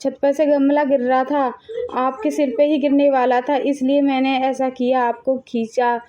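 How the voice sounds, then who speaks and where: A meek, dutiful young daughter-in-law, played by a woman in an animated family drama. She speaks in a high, polite, hesitant voice, always pleading gently. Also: normal speed, muffled recording, lightly acted. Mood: apologetic.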